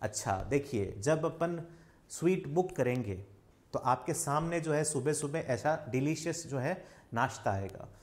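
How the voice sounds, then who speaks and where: A man's voice: on the high side, animated, measured pace, a little mellow. Indian man teaching spoken English. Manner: quizzing the viewer with repeated questions. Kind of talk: online spoken English lesson.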